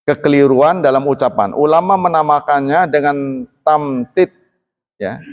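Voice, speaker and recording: An older man teaching a recitation class, reading definitions aloud and slowly drawing out example words. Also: on the high side. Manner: slow drawn-out demonstrations of Arabic recitation; reads definitions aloud, then explains casually. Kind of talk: classroom tajwid lesson. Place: mosque or study hall. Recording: reverberant hall.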